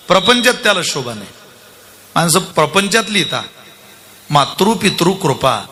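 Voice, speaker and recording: A man's voice: high-pitched, slight background noise. A man preaching a devotional kirtan sermon, telling a story and quizzing his audience. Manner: animated storyteller, acts out characters and questions the audience.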